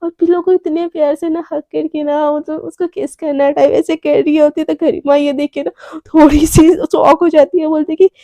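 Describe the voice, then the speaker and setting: High-voiced woman telling a story. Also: level tone, normal speed, dark tone, no echo, studio quality. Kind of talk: casual told love story.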